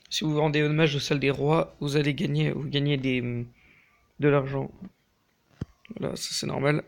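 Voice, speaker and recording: A young man giving casual, crude commentary while playing a mobile game, talking fast and nervously, swearing often. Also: fairly high pitch, level tone, creaky. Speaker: mobile gaming YouTuber.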